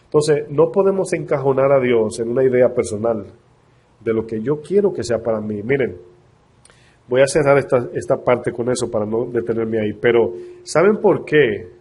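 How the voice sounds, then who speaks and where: A male pastor giving a sermon to his congregation. He sounds congested and husky, speaks earnestly, and slows down when reading scripture. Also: medium pitch, lively intonation, darkish tone. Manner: earnest preaching, addressing the congregation directly; slows down to read scripture aloud.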